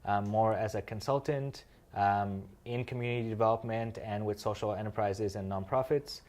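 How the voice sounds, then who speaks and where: A man from Kenya, in his thirties, answering interview questions. His voice sits fairly low. He explains things in a measured, unhurried way, with many "um" fillers along the way. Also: fairly even intonation, darkish tone. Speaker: interview guest, social finance founder.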